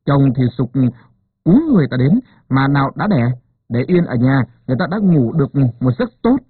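A man's voice: medium pitch, lively intonation, moderate pace, husky, dry recording. A man voicing a grumpy old village midwife who scolds and grumbles. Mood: scolding. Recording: narrow phone-like sound.

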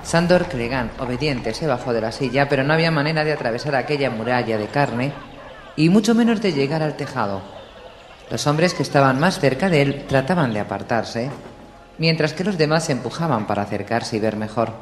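A man reading an audiobook in a steady, measured storytelling voice. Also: mid-range voice. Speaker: audiobook narrator. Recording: echoey room with long reverb, faint hiss.

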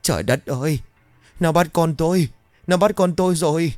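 A man's voice: normal speed, a little mellow, no echo, faint music behind, close to an everyday voice. Man doing a wailing grief-stricken village mother. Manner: wailing, high and shrill. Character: grieving village mother wailing for her dead son.

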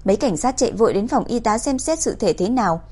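A woman reading a crime novel aloud in an even, steady storytelling voice. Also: on the high side, quick pace, slightly rough. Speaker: narrator. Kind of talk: audiobook narration.

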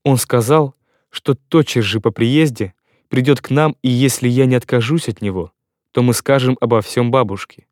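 A man's voice: mid-range voice, normal speed, a little mellow, dry recording, studio quality, lightly acted. A man voicing a tearful, emotional young woman, reading her pleading words in a classic audiobook.

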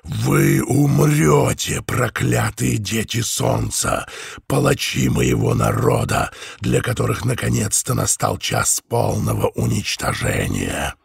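A man doing a booming hoarse phantom voice. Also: big pitch swings, dry recording, clean studio sound, heavily acted. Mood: menacing. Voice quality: hoarse, low, drawn-out.

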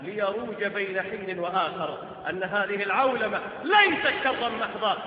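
A man preaching a Friday sermon in declamatory oratory, swinging between hushed lines and loud, ringing proclamations with emphatic repetition. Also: sits high, expressive, moderate pace. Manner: rhetorical questions and emphatic repetition. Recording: muffled recording in a hugely echoing hall.

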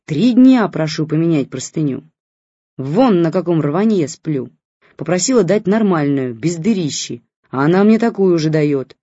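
Brief: shrill complaining aunt, read by a husky-voiced narrator, dry dull audiobook recording. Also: lively intonation, normal speed, no room sound. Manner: shouting, complaining. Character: shrill indignant aunt, demanding and loud.

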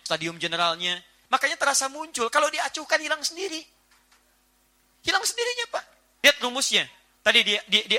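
A man giving a lively sermon as a preacher, joking and acting out small household scenes. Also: high-pitched. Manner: animated, jokey, acts out little household scenes. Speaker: Islamic preacher. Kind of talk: lively sermon to a live audience.

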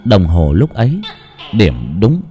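A man narrating a horror audiobook in a dramatic, expressive way. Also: sits low, slow pace, faint music behind. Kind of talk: scripted horror story narration.

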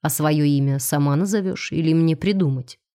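A woman's voice: low-pitched, normal speed, dark tone, clear, resonant tone, voice pushed down, natural voice. A woman reading an audiobook, voicing a cold, commanding male alien starship captain. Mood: stern.

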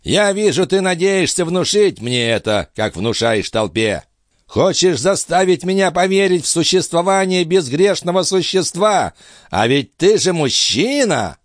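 A man voicing an ancient, frail male alchemist, wrathful and scornful, with a weak, quavering old voice and shrill shouting outbursts. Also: very animated, measured pace, no echo, clean studio sound. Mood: mocking. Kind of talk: audiobook character voice.

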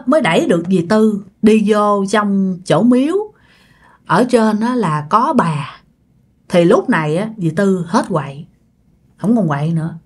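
In a husky, medium-pitched voice, a woman relates a ghost story in a relaxed, conversational way, regularly talking straight to those listening.

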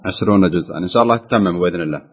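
A man's voice: sits low, very fast, breathy edge, dull audio. A man teaching Quran recitation, patiently correcting callers step by step. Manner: patient, explains step by step with repeated examples.

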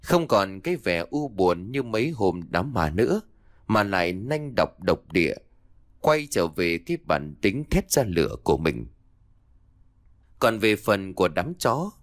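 A man narrates a dark story with an expressive, dramatic delivery. His voice sits low and moves a lot in pitch. The recording is dry and close. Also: dry recording. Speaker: audiobook narrator.

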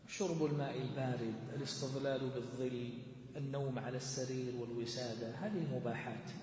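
A male teacher works through a classical text, posing questions to his students and answering them step by step. His voice sits at an ordinary pitch. It is recorded in a large mosque hall with heavy echo and a long reverb tail, with faint noise behind. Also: fairly even intonation, fairly quick, warm tone. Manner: methodical, asks rhetorical questions and answers them.

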